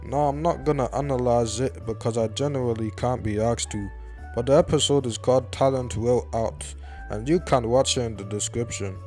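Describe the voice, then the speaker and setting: A young man delivers casual YouTube commentary on a cartoon. He sounds dry and sarcastic and swears freely, with his pitch sitting in an ordinary middle range. Faint music plays behind him. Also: moderate pace, darkish tone.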